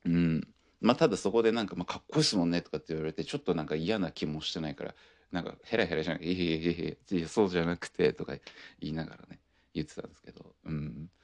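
Man, low deep voice, twenties, solo podcast host, rambling and relaxed, casual chat. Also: very fast. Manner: rambling, laid-back storytelling with frequent fillers.

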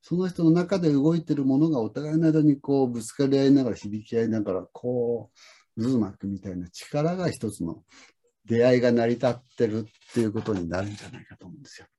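Husky middle-aged man, musing, rambling. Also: mid-range voice, brisk, dark tone. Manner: reflective, rambling storytelling with many fillers. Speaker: lesson host. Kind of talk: casual conversation.

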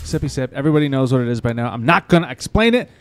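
A man's voice: medium pitch, animated, loud music behind the voice. A man hosting a podcast and running a word game, teasing his co-hosts with mock exasperation. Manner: teasing, exasperated, quick to laugh. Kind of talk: casual podcast banter.

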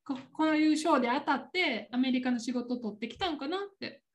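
A woman co-hosting a podcast chats casually in a high, fast voice with a Kansai Japanese accent. She laughs often as she explains things.

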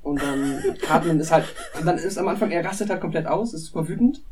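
A man in casual podcast chat, rambling through an animated retelling of a cartoon episode. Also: a little high, quick pace, far from the mic, a crowd in the background.

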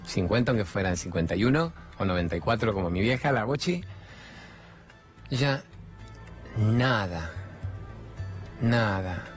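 A man over fifty with an Argentine accent, giving a colloquial, animated spiritual talk to an audience and slipping into voices for quoted speech. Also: on the low side, a little slow, pauses often, soft background music. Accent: Argentine Spanish. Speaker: spiritual speaker.

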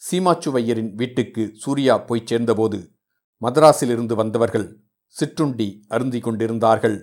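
A man reading a novel aloud in a steady, measured storytelling voice. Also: mid-range voice. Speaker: narrator.

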